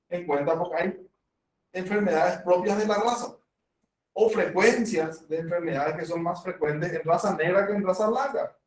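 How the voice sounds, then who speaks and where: A man with a Paraguayan accent giving a university medical lecture, explaining with examples and acted patient dialogues. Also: high voice. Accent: Paraguayan Spanish. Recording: roomy, from far off the mic.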